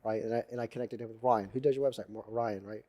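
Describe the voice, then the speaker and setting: Guy rattling off stories quick, mellow tone, swears a bunch. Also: on the low side, lo-fi sound. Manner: animated storyteller, swears freely, acts out quotes. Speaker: podcast guest. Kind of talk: storytelling in casual interview.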